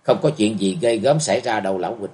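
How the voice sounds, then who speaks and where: A man voicing a calm, resolute young swordsman, speaking firmly and reassuringly. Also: lowish voice, fast, close to an everyday voice. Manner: calm, firm, gently reassuring.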